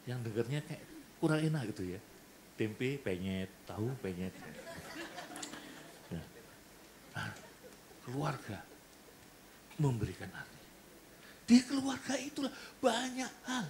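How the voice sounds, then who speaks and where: A man with an Indonesian accent preaching a sermon in a church, animated and acting out the people in his stories. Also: medium pitch, unhurried, pauses often, slight background noise. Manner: animated, acts out quoted voices and jokes. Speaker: pastor. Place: church hall.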